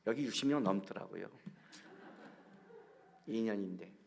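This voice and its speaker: A man's voice: fairly low pitch, measured pace, vocal fry, slight background noise. A middle-aged male pastor giving a guest sermon, telling stories and acting out bits of dialogue. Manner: animated storytelling with acted-out dialogue.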